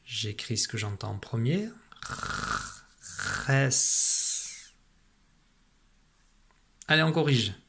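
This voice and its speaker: A man teaching a remote lesson to young children, patient and slow, repeating syllables for a dictation. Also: medium pitch, animated, vocal fry, noisy background. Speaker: primary school teacher.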